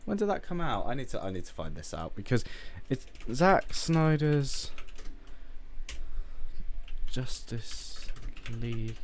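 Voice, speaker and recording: A man's voice: medium pitch, sing-song, slow pace, long pauses. A hungover man from the UK, streaming casual film commentary, blunt and profane as he rambles through his rankings. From United Kingdom.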